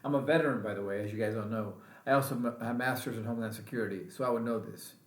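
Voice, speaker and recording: Man, veteran vlogger, angry and emphatic, political rant, mid pitch, roomy echo. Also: rapid-fire. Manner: angry, emphatic, repeats himself.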